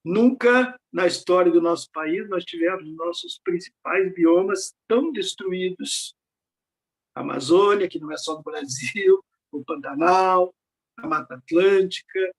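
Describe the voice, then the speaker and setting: The older man speaking here has a high, gravelly voice and an animated yet unhurried delivery. As the invited lecturer at a research network meeting, he talks over slides on a video call, reflecting aloud and asking rhetorical questions.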